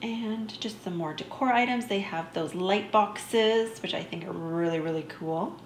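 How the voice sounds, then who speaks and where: A chatty woman vlogger narrates her shopping finds in an easygoing, upbeat way. Her voice sits at a middle pitch. The sound is roomy and echoey, with a faint hum underneath. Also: unhurried. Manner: chatty, easygoing, enthusiastic about small finds. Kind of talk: shop-with-me voice-over narration.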